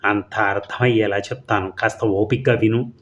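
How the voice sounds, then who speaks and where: A man voicing a meek young wife who speaks in a hushed, patient, pleading way. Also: on the low side, steady tone, moderate pace, dull audio, lightly acted. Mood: hushed, rueful.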